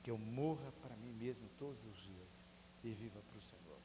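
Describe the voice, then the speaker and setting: A man's voice: on the low side, fairly quick. A man of around fifty with a Brazilian Portuguese accent, a pastor preaching an earnest, testimony-style sermon in a church. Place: church sanctuary. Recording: echoey church hall with faint hum.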